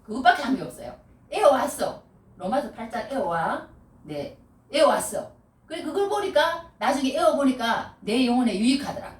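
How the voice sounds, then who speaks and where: A woman's voice: high voice, normal speed. Middle-aged woman preacher, keeps saying hallelujah and repeating herself, sounds a bit far off in an echoey hall. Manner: animated, repeats key phrases, calls out hallelujah. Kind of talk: sermon. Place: church sanctuary. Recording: echoey room, voice from far off mic. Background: congregation responding.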